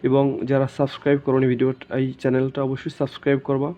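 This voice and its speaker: A man's voice: medium pitch, monotone, very fast, mellow, slight background noise. A man teaching letter pronunciation in a casual video lesson, speaking informally to viewers as friends and restarting words mid-phrase. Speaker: English teacher. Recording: dull lo-fi sound.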